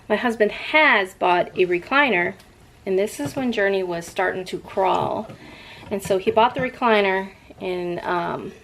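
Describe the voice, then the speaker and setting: A woman's voice: mid-range voice, fairly bright tone, slight background noise, rough recording. A middle-aged woman vlogger chatting casually in a rambling way, drifting off and picking the thread back up.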